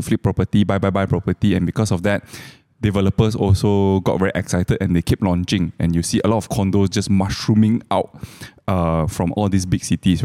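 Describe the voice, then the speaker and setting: Low, mellow Malaysian man, colloquial English. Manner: colloquial Malaysian English with lah, lor and leh particles. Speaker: co-host commentator. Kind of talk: casual explanatory market chat.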